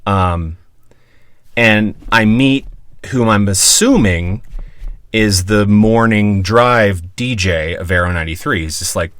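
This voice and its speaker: A man from Pennsylvania with a low, deep-set voice spins a rambling story as a podcast guest. He swears freely and keeps it loose and animated. The sound is dry and close, with no room echo. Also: takes it slowly. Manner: profane, animated anecdote-telling. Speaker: guest, former radio DJ.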